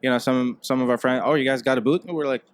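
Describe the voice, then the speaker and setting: A man hosts a casual podcast chat at a trade expo, talking quickly in a laid-back, friendly way and laughing often. His voice sounds dry and close, with no room around it. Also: medium pitch, steady tone, no room sound. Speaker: podcast host.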